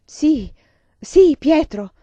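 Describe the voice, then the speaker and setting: A woman reading aloud, voicing a distraught, grieving young man who shouts in anguish. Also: sits high, expressive, very slow, dry recording, dull audio, pitched above the performer's own voice, heavily acted. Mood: furious. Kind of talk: audiobook reading of a novel.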